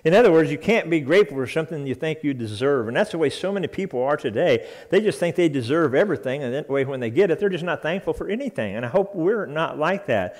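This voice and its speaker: A man's voice: a little high, animated, quick pace, few pauses, darkish tone. A man preaching a sermon in a church, earnest and emphatic, repeating key phrases for weight. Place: church sanctuary.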